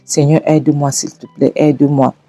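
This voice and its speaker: A woman's voice: sits low, flat delivery, normal speed, mellow, husky, soft background music. A man voicing a panicked young pregnant wife in a spoken movie recap, wailing and pleading breathlessly. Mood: despairing.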